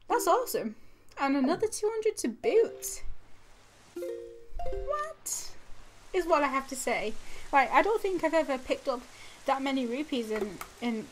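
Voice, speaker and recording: With a high pitch that swings widely and an unhurried delivery, a young adult gamer narrates her let's play despite a cold-clogged nose. The casual, rambling talk is packed with fillers and restarts, over audible background noise.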